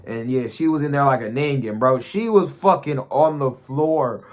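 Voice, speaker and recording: A man casually recapping TV episodes in profane, slangy, animated storytelling. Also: medium pitch, moderate pace. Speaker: show recapper.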